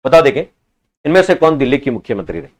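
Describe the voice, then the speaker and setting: A man runs an online exam-prep class, firing questions at students and echoing each answer, sometimes scolding them when they're slow to respond. His voice sits at a medium pitch with big swings up and down.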